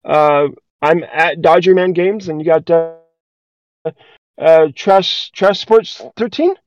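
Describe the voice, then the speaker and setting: A man's voice: a little high, slow pace, no room sound. A man co-hosting a podcast, telling a story in a casual, rambling way, full of hesitations and restarts. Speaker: podcast co-host. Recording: dull lo-fi dry recording.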